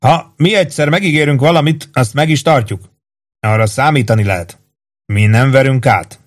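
A man's voice: medium pitch, pitched above the performer's own voice, lightly acted. A man voicing a blunt, cocky young male infantry soldier who swears freely.

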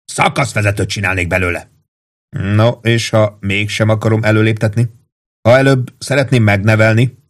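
A man voicing a laid-back, teasing male first sergeant with an easy, calm way of talking. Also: on the low side, lightly acted. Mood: firm.

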